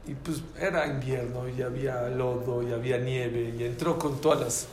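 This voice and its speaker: A man teaching a lively religious class, telling stories and quizzing his listeners. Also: medium pitch, normal speed. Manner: animated storytelling, quizzes listeners. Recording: echoey room, faint ambience.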